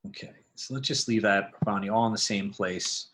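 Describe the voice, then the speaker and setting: A man with a lowish voice talks at a moderate pace over a noisy background. He's a sound design instructor narrating a casual screen tutorial, explaining things and thinking aloud as he goes.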